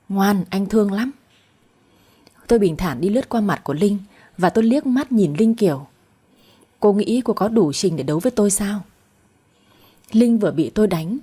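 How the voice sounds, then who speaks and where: A young woman narrating a dramatic story in the first person, in a calm, even manner. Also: mid-range voice, husky.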